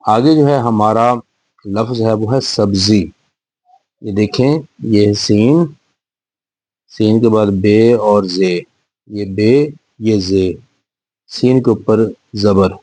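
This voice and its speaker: The speaker is a male Urdu teacher with a lowish, somewhat mellow voice and a breathy edge, talking very slowly with long pauses. It's an unhurried spelling lesson for young children, where he sounds out each word letter by letter and patiently repeats it.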